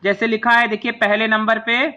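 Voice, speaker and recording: A man teaching a grammar lesson in a high, very bright and ringing voice. He walks through a chart patiently, spelling out each sound slowly one by one. He keeps inviting the listeners to say the sounds along with him. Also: flat delivery, muffled recording. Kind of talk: classroom lesson explaining a chart.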